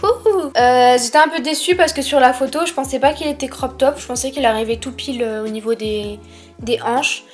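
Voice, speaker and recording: Casting: young female haul vlogger, high-pitched, lisping s, informal chatty delivery, faint music underneath. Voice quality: lisp on s sounds. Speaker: vlogger presenting a shopping haul. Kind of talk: casual chatty haul presentation.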